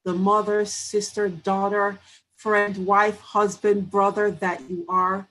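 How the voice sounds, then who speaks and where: A woman hosting a podcast interview who talks warmly and from the heart, and speaks straight to her listeners. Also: medium pitch, level tone, slow pace, low-quality recording. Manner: warm, heartfelt, addresses listeners directly. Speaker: podcast host. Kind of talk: casual interview talk.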